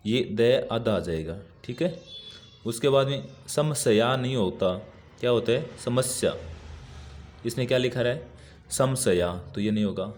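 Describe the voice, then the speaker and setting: A man's voice: mid-range voice, darkish tone, a little hiss or hum. Patient male teacher repeating words. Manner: patient, repeats each word while writing it. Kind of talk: workbook answer lesson.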